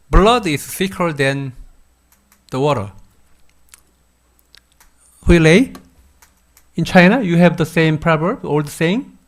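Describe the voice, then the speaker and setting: A man in his fifties with a Korean accent lectures a class, his voice sitting a little high for a man. He talks slowly and haltingly, with many pauses and fillers as he thinks aloud. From South Korea. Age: 50s. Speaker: university lecturer.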